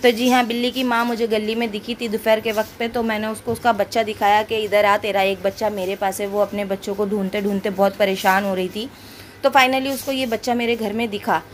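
A woman's voice: medium pitch, little pitch movement, brisk, slight background noise. A woman from India chatting casually to her viewers in a home vlog, talking through dental pain, recorded on a phone camera indoors. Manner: chatty, addresses viewers directly. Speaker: vlogger.

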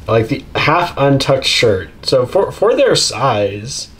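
Hosting an unboxing at a tabletop indoors, this man talks slowly in a mid-range, slightly bright voice that is very animated. His commentary is casual and chatty, with easygoing asides to viewers. Crinkling plastic bags and packaging, clicks and clear background noise fill the recording.

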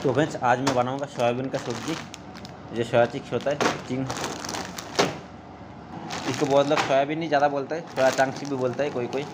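A man talks his viewers through a home recipe in a relaxed, chatty way, explaining each step as he goes. His voice sits at an ordinary pitch. The kitchen recording carries clear background noise, with traffic audible from outside. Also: brisk, long pauses. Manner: chatty, step-by-step, keeps saying "friends". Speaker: cooking vlogger. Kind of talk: casual cooking narration.

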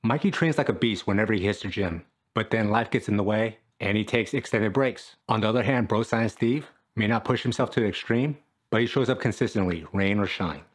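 Brief: fitness coach in his thirties, punchy and jokey, fairly low voice, filmed at home. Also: fairly quick, few pauses. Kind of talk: scripted talk to camera. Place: small room at home, indoors.

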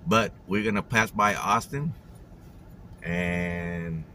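Deep-voiced older man vlogging from his car. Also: bright, forceful tone, a little hiss or hum. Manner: halting, plain talk with filler pauses. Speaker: road trip vlogger, Air Force veteran. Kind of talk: casual travel vlog narration. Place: inside a car, driving. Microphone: camera mounted on the dashboard.

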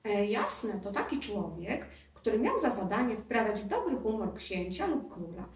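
A woman's voice: mid-range voice, sing-song, normal speed. A woman reading a children's story aloud, voicing a curious, eager schoolboy in an inquisitive manner, recorded in a roomy space from a distance.

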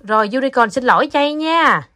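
A mother with a Southern Vietnamese accent talking to her toddler at home, coaxing and gently scolding in a casual chatty way. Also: high voice, lively intonation, normal speed, heavy background noise. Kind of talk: casual home video chat.

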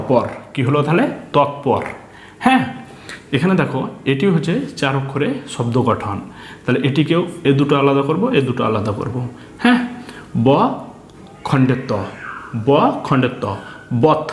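A man with a Bangladeshi Bengali accent leads a children's reading lesson at an even middle pitch. He patiently sounds out letters one by one and keeps asking the class questions. His voice carries a noticeable echo from the room around him. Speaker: teacher.

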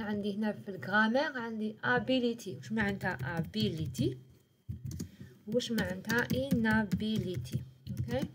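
A woman with an Algerian Arabic accent leads a live-streamed English revision lesson in a mid-range voice. She mixes Arabic, French and English words and keeps checking in with her students. A faint hiss sits under her voice. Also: mid-range voice. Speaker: English teacher.

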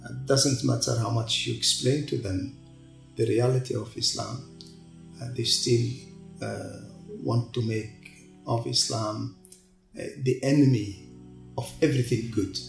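A middle-aged man from Tunisia, a guest in a sit-down interview, speaking in a measured way with pauses and restarts. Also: mid-range voice, steady tone, gravelly. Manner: measured, pausing speech with repeated restarts. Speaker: guest, TV channel executive. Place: large open-plan office. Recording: roomy echo, faint music behind.

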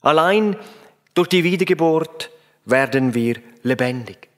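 Male preacher, slow emphatic sermon delivery, slightly high voice. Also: animated, fairly bright tone. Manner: emphatic, addresses listeners directly.

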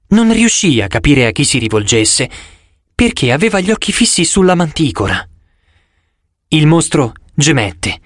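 A male audiobook narrator reading with dramatic, expressive delivery. His voice sits a little high for a man. The recording is close and dry, with no room sound. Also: no room sound. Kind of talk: scripted narration.

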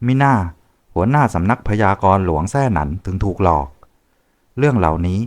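A cheeky young nobleman flatters and wheedles in a bright, raised voice, as a male audiobook narrator acts him out. The tone sits well above the reader's own low register, eager and shameless. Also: a little fast, close to an everyday voice. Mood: fawning.

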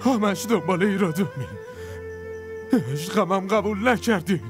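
A man's voice: high voice, close to an everyday voice. A man voicing a drunk, heartbroken young man. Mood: bitter. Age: young adult. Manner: slurred, bitter, slow. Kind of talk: Persian dub of a TV drama. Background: music with violin.

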